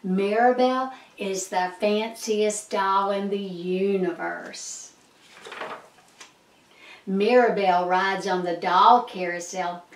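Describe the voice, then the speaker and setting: A woman's voice: medium pitch, steady tone, slow. A woman reading a children's picture book aloud, telling it expressively in a little girl's first person. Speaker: storyteller. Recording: echoey room, far from the mic.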